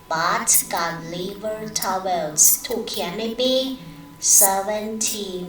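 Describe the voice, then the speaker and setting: A woman with a Thai accent teaches in an unhurried, deliberate way. She switches between Thai explanation and carefully read English words, ending most phrases with a polite particle. Her voice sounds set back from the mic in an echoing room with a faint hiss. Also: mid-range voice, fairly bright tone, far from the mic. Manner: adds polite particles after nearly every phrase. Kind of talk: recorded online lesson.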